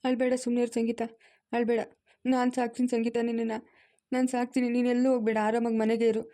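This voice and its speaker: A woman's voice: on the high side, monotone, fast, dark tone, close to an everyday voice. A woman acting in an amateur family drama, coaxing and reassuring over and over. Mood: soothing. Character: soothing man, then a loving grandmother.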